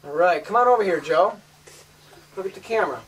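Low-voiced woman hosting a home video. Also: animated, brisk, slightly rough. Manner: upbeat, coaxing the children on camera. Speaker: host showing a family snake collection. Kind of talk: casual home video chat. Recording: distant home camera audio, light hiss.

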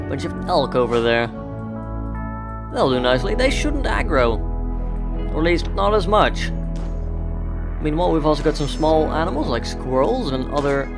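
A young man casually commentating his gameplay in a chatty, upbeat way, thinking aloud as he plays. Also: on the high side. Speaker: let's play host. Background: background game music.

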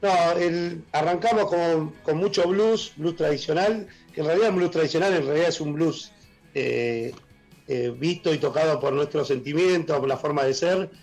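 A middle-aged Argentine man with a worn, husky voice, a blues musician talking enthusiastically on a casual radio interview over a video call. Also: on the high side, darkish tone, faint music behind, poor audio. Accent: Argentine Spanish. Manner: enthusiastic, halting with fillers. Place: room at home, joining by video call.

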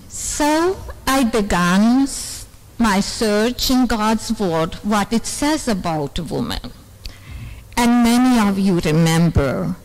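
An older Serbian woman with a medium-pitched, slightly mellow voice gives an earnest speech at a women's conference in a large hall. Standing at a lectern, she speaks into a stand-mounted microphone and tells her story in non-native English.

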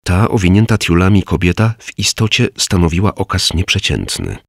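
A man reads a novel aloud in measured, descriptive narration. His voice sits extremely low and is gravelly and husky, yet his pitch moves a lot. The recording is dry and close. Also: big pitch swings, no room sound. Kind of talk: scripted audiobook narration.

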